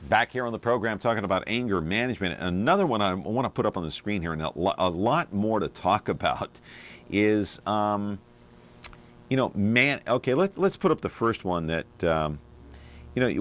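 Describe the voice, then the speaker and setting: A man hosting a local talk show, speaking in a low voice whose pitch rises and falls a lot. He talks casually and hesitantly, with fillers, and keeps asking his guest questions. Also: lively intonation, moderate pace, fairly bright tone. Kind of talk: casual studio chat.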